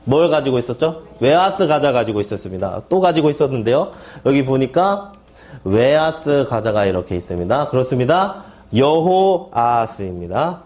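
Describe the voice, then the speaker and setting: A man's voice: mid-range voice, big pitch swings, moderate pace, a little mellow. A man teaching a Bible seminar class, playfully asking the group questions and answering them himself with wordplay. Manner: playful mnemonic wordplay, asks and answers his own questions. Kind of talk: classroom lecture with call-and-response. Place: lecture hall at a seminary.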